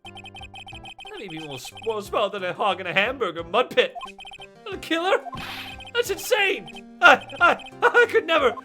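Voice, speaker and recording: A man's voice: very high-pitched, sing-song, a little slow, long pauses, bright, forceful tone, faint music behind, heavily acted. A man voicing a flamboyant, vain male stage magician in a fan game voice-over, drawling and calling people sweetie. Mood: panicked. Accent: put-on Southern US when panicking. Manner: drawling, calls everyone sweetie.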